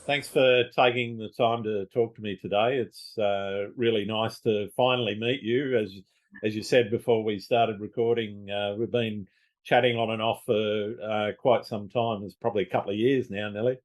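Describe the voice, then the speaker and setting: A man hosts a podcast, reading a steady intro and then chatting with a guest, saying "uh" often. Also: fairly low pitch, moderate pace. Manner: friendly, steady, says "uh" often. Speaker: podcast host.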